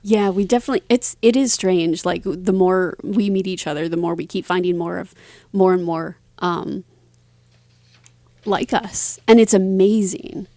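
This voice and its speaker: A woman with a lowish, mellow voice speaks a little slowly as an interview guest, casually telling her stories in a self-deprecating, lightly giggly way. There's no room sound.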